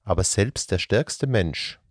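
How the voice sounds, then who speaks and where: Male storyteller for kids: low, husky, unhurried fairy-tale reading. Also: no room sound, studio quality. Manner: slow, calm, gravelly storytelling. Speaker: storyteller host. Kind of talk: fairy tale read aloud for children.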